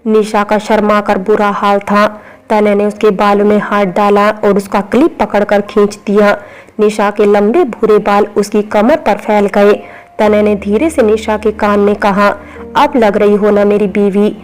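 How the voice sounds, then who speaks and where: A woman's voice: medium pitch, level tone, a little slow, rough recording. Woman narrating a romance in a level voice. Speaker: storyteller. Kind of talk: scripted narration of a romance story.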